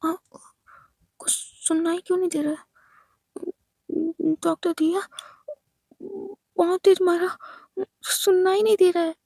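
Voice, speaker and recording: Drunk mocking young woman who shouts back, whispered role-play a woman voices her, high and mellow. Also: steady tone, takes it slowly, creaky, pauses often, dry recording, exaggerated voice. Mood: dazed.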